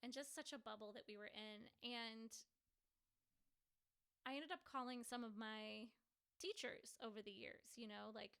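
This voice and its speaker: A woman's voice: on the high side, steady tone, measured pace, creaky, pauses often, a bit bright, clear, resonant tone. A woman in her forties, sleepy and yawning, telling a personal story in a rambling, chatty way as a healing coach. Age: 40s. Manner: rambling, chatty, many fillers.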